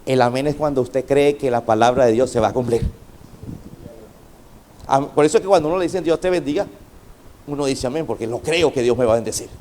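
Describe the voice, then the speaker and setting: A man's voice: medium pitch, fairly quick, pauses often, darkish tone. A middle-aged male pastor preaching a sermon with fervor, calling out to his congregation for responses.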